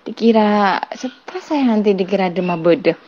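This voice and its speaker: A woman from Indonesia casually telling a true ghost story, animated, acting out quoted people and mimicking noises. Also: mid-range voice, measured pace. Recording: dull lo-fi sound.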